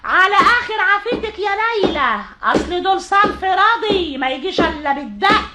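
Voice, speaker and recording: A woman's voice: very high-pitched, expressive, background noise. A bossy Egyptian film mother. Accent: Egyptian Arabic. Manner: bossy, cursing, quick comic retorts. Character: scheming feisty Egyptian mother, sharp-tongued and stubborn. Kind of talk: comic film acting.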